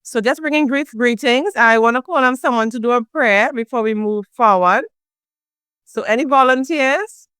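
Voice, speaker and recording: A woman hosting a program, effusive and warm, thanking family and sponsors. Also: a little high, normal speed, clean tone, no room sound, studio quality. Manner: warm, effusive, repeats "amazing". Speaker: foundation founder hosting a program. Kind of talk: welcoming host remarks.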